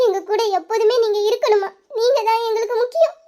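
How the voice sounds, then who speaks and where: A young grown daughter in a family drama, voiced by a woman, earnest and full of affection. She talks in a sincere, apologetic way. Her voice is very high. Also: fast talker, dark tone. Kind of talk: emotional family drama acting.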